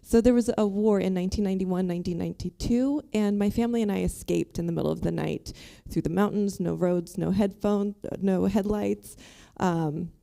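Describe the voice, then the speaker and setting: A woman's voice: medium pitch, normal speed, gravelly, mellow. A woman in her thirties from Bosnia, a panel guest telling her personal faith story in an earnest, slightly nervous way. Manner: earnest, a bit nervous, with ums. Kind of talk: personal testimony.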